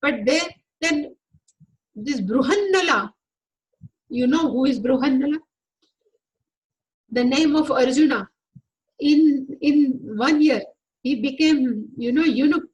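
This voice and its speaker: Slow, high-voiced woman teaching scripture. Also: darkish tone, poor audio. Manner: deliberate, explanatory, glosses Sanskrit terms. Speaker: spiritual teacher. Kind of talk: scripture lecture.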